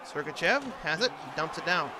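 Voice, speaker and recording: In a noticeably noisy recording with ambient background sound, a man delivers hockey play-by-play in short, clipped bursts, like an amateur doing an announcer impression. His voice is on the high side, expressive, and fairly quick.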